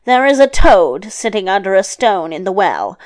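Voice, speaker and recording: A woman voicing a gruff, irritable male devil in a storybook tale, blustering and grumbling. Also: mid-range voice, big pitch swings, normal speed, no room sound, natural voice. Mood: scornful, knowing.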